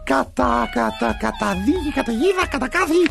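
A woman voicing an excitable young girl who gets flustered and excited. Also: high voice, vocal fry, over loud music, exaggerated voice. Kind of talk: storybook acting.

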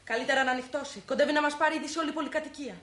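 A doubtful, fretting wife. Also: female voice, high voice, fairly even intonation, fairly bright tone, echoey room. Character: anxious questioning wife of a schemer.

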